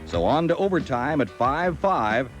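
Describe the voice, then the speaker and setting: An American male sports announcer delivers hockey narration and commentary in a medium-pitched voice. Music plays clearly behind him. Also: sing-song, unhurried.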